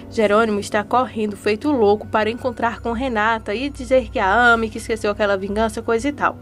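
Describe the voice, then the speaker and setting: A woman's voice: on the high side, a bit bright. A woman retelling telenovela episodes in a casual, chatty way, joining her sentences with fillers. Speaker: telenovela recap narrator.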